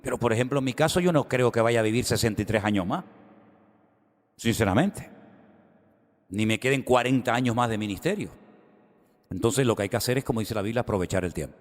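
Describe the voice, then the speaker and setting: A man's voice: mid-range voice, a little fast, long pauses. A man, preaching a sermon in a conversational, rambling way with restarts and asides. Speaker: pastor. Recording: hall with long reverb.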